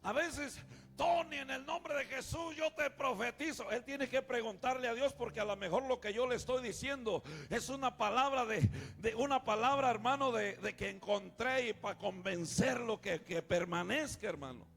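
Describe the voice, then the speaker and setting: Raspy high-voiced preaching man. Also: moderate pace. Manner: calls out to the congregation, often says "hermano"; swings from quiet asides to shouting. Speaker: pastor. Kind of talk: sermon.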